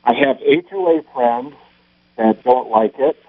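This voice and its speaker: A man phoning a talk show to give his opinion in a halting, argumentative way, sounding as if he is inside a metal tank. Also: mid-range voice, no room sound. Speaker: radio show caller. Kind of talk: casual phone-in opinion. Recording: hollow, tinny phone line with hum.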